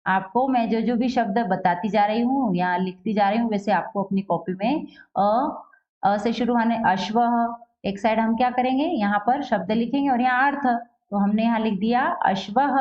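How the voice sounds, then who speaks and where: Woman teacher, slightly high voice, drills each word by asking and answering herself; dull lo-fi recording. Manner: asks questions then answers them herself, repeats each word slowly. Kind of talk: classroom lesson for children.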